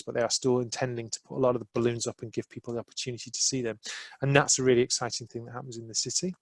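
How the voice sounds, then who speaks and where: A man's voice: medium pitch, dry recording. A man giving an enthusiastic promotional talk about a university in a webinar, speaking over slides with frequent "uh" and "um" fillers. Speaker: university representative. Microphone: video call microphone.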